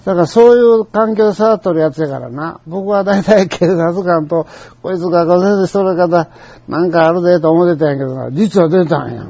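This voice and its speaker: An older man speaking Kansai Japanese tells a meandering personal story, chatty and colloquial, full of digressions. His high voice is brisk, gravelly, and mellow; the recording is dry, dull, and lo-fi.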